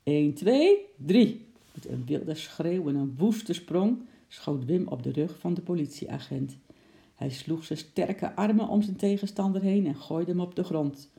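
A storyteller reading a children's story aloud in a calm, even manner. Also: medium pitch, unhurried, creaky.

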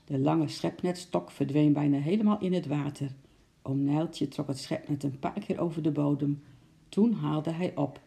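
A narrator reading a children's story aloud at a steady storytelling pace. The voice is gravelly and very dark. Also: medium pitch, moderate pace.

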